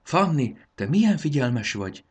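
A man's voice: a little high, very animated, slightly rough, voice pushed up. A man voicing an earnest young boy who eagerly explains things.

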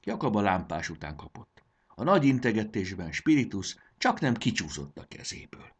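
A man's voice: on the low side, very animated, breathy edge. A man narrating a children's storybook expressively, voicing the characters.

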